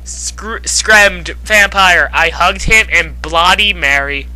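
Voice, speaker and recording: A woman's voice: lowish voice, slow, sharp tone, no room sound, poor audio. A young woman reading bad fanfiction aloud in a mocking, dramatic way, giggling, exasperated, and dropping into silly character voices. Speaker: fanfiction reader.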